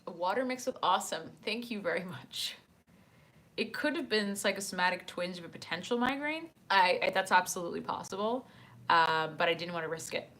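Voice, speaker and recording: A woman with a lowish voice chats loosely with her live-stream viewers, reading their messages aloud and answering as she goes. She laughs easily and fills her pauses with ums and uhs, talking close into a desk microphone. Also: animated, fairly bright tone. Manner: chatty, laughs often, many fillers. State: hiccuping. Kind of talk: casual live-stream chat.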